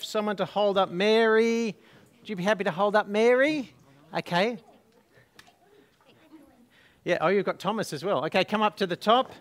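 A man pastor with a fairly high voice runs a Christmas story at a church service. He talks slowly and playfully, coaching the crowd through call-and-response prompts. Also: a bit bright. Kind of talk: leading a Christmas children's story.

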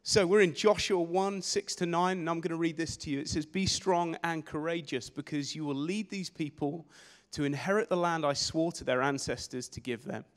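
A young man preaching a sermon on a church stage with a handheld mic, energetic and gesturing, often repeating words as he restarts phrases. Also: fairly high pitch, normal speed, hardly any pauses. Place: church stage in a large hall. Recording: long hall reverb.

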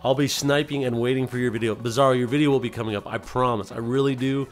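A man's voice: medium pitch, fairly even intonation, fast talker, soft background music. A man hosting a casual game livestream, chatting loosely and playfully with viewers and slipping into silly voices. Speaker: livestream host.

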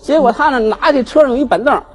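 A man, a guest telling his grievance on a TV talk show in an animated, aggrieved way. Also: very high-pitched, rapid-fire. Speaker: guest, husband seeking divorce. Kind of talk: emotional storytelling on a TV talk show.

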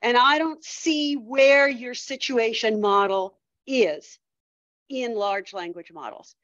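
Woman lecturing, halting and thoughtful. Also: on the high side, fairly bright tone, dry recording, muffled recording. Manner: thinks aloud, with many restarts and ums. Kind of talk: academic lecture.

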